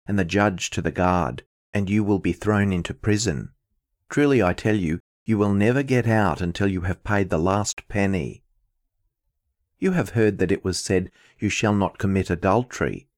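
A man reading the Gospel as a minister in a measured, formal, liturgical style. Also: low voice.

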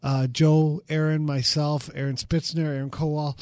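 A man's voice: fairly high pitch, flat delivery, normal speed, darkish tone, smooth, no room sound. A man hosting a radio show about retirement investing, chatting loosely with plenty of fillers and self-deprecating jokes. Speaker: investment firm head, show host. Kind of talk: casual radio talk. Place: radio studio. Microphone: studio microphone.

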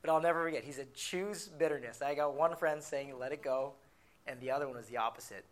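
A middle-aged man giving a motivational talk, telling personal stories with lively swings from quiet asides to loud acted quotes. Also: mid-range voice, brisk. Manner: animated storyteller, shouts in acted quotes, drops to quiet asides.

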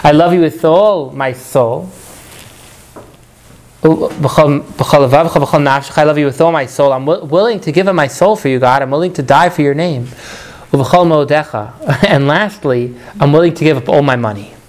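A man teaching a Torah class to students, animated, asking rhetorical questions and mixing in Hebrew prayer phrases. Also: fairly high pitch, normal speed. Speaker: religious teacher.

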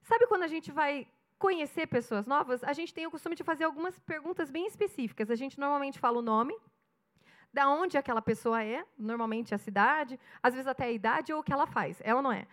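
Animated Brazilian woman pastor, high voice. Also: fairly quick. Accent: Brazilian Portuguese, Curitiba. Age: 30s. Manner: animated storytelling, acting out dialogue. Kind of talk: sermon.

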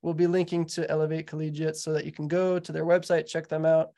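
An American man with a creaky, gravelly voice hosts in a casual way. His conversational delivery suits a relaxed podcast interview. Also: a little high, quick pace. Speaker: podcast host.

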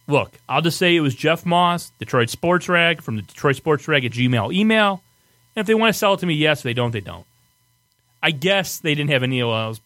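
A man's voice: on the high side, a bit bright. A man with a Michigan accent hosting a podcast, telling stories casually in a profane, exasperated manner. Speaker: podcast host. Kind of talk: casual storytelling banter.

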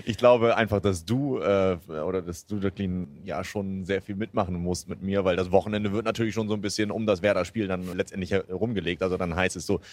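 Chatty man from Bremen, lowish voice. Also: steady tone, fairly quick, few pauses. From Bremen, Germany. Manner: chatty, many fillers and restarts. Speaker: interviewee, football fan. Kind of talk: casual interview. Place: outdoors at a stadium.

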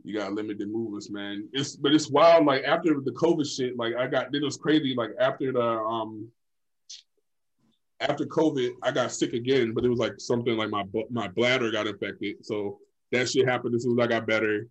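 A young man co-hosting a casual chat, telling stories in an animated, profane way, full of filler phrases. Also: mid-range voice, moderate pace, rough recording. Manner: animated, profane storytelling full of "like" and "you know what I'm saying".

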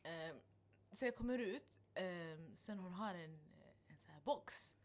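A woman's voice: fairly low pitch, lively intonation, darkish tone. A young woman co-hosting a casual chat podcast, telling stories animatedly and mixing slang and English words, sitting a little back from the mic. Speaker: podcast co-host. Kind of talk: casual chat among friends. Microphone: sitting a meter back from the mic.

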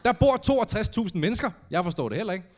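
A young man performing a stand-up comedy set on stage, telling stories animatedly and acting out quotes with sudden shouts. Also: high voice. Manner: animated storytelling, acts out quotes with big shouts. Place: comedy stage before a live audience.

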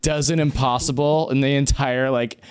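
A young man in casual chat, telling an excited story with laughs and swearing. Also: mid-range voice, normal speed, smooth.

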